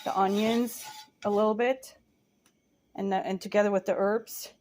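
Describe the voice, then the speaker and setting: A woman's voice: mid-range voice, fairly even intonation, normal speed, darkish tone, slight background noise. A woman from central Switzerland chatting in a rambling, self-correcting way while she cooks in her home kitchen. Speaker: cooking vlogger. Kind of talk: casual chat while cooking.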